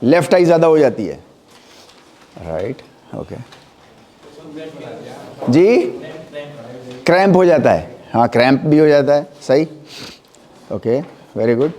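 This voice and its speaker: Male lecturer, middle-aged, slow and a bit high-voiced, drills pronunciation. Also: expressive, dark tone. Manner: mixes Hindi and English, spells terms letter by letter; stresses pronunciation, asks checking questions. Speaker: anatomy teacher. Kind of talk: classroom lecture.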